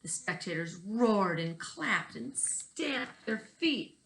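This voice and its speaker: A woman's voice: medium pitch, expressive, takes it slowly, gravelly, a bit bright, a little hiss or hum, poor audio. A woman teacher reading a picture book aloud expressively, stressing key words and putting questions to young listeners. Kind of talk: storybook read-aloud with questions to children.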